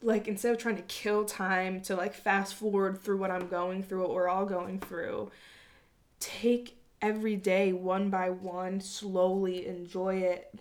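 A woman's voice: medium pitch, level tone, unhurried. Woman vlogging, earnest rambly heart to heart, swears casually. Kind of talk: reflective personal monologue.

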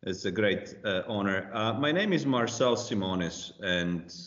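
A man in his forties with a very low voice, born in Slovakia, who talks with a halting rhythm full of ums and restarts. His voice comes through a muffled, roomy connection. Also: expressive, a bit bright. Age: 40s. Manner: hesitant, many fillers and restarts. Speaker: compliance consultant, guest. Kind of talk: casual interview talk. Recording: muffled, roomy remote audio.

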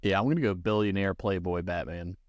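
Male podcast co-host, low voice, dry close sound, easygoing, laughs a lot, pushes back. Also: fairly quick, no room sound, highs cut off. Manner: laughs easily, debates back in a relaxed way. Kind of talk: casual chat.

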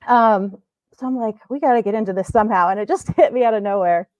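A woman's voice: medium pitch, fast talker, no echo, dull audio. A woman co-hosting a podcast, chatting casually and laughing often as she rambles through her ideas. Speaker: podcast co-host. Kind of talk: casual chat.

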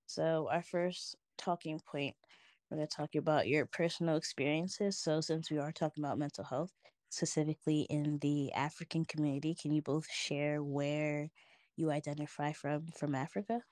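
A young woman hosting a casual podcast, relaxed and encouraging as she asks her guests questions. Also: deep voice, normal speed, dry recording, clean studio sound. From United States. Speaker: podcast host.

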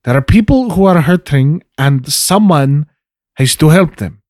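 A man's voice: a little high, expressive, a little slow, darkish tone, no echo, studio quality. A man voicing an earnest young heroine. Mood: pleading. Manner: pleading, formal speech. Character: earnest, defiant young woman on a quest.

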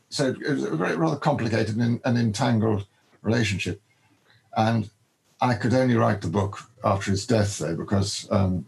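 An older man with a low, gravelly voice answers interview questions about his work as a biographer. He speaks haltingly, with many ums, false starts and repeated words. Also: a little mellow, slight background noise, low-quality recording. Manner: hesitant, many ums and restarts.

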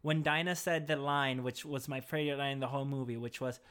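A man's voice: mid-range voice, quick pace, smooth. A man co-hosting a podcast, chatting casually about a film and acting out characters' lines as he goes. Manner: animated, acts out lines in quotes. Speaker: podcast co-host. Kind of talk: casual film review chat.

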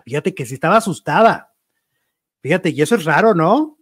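Chatty Mexican man, higher voice. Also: normal speed, breathy edge, no room sound, studio quality. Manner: chatty, lively, reads viewer messages aloud. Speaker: show host. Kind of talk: casual celebrity gossip chat.

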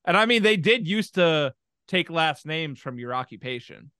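Teasing man with a higher voice. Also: animated, moderate pace, bright, forceful tone, clear, resonant tone, dry recording, studio quality. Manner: teasing, joking. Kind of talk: casual podcast chat.

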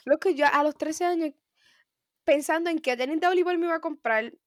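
High-voiced Puerto Rican woman speaking slangy Spanglish. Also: a little fast, no room sound, studio quality. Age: 20s. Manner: Spanglish, mixes English words into Spanish; slangy, peppered with swearing. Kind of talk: casual chat.

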